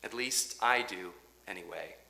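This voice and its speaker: Male pastor, bright and clear, slow deliberate sermon delivery, reverberant sanctuary. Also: fairly low pitch. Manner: measured, rhythmic preaching with dramatic pauses and quiet drops. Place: church sanctuary. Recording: echoey church sanctuary.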